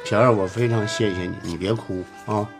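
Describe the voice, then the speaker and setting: A man's voice: on the low side, steady tone, music in the background, natural voice. Actor playing an earnest rural man. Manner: earnest, persuading, halting. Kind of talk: TV drama acting.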